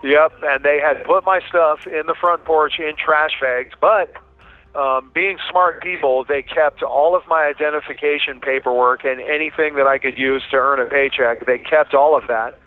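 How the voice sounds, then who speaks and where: A man's voice: a little high, fairly even intonation, normal speed, no echo. Man telling his story, thin phone-like sound. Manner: informal, emphatic, quotes remembered speech. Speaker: interview guest. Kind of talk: candid personal storytelling.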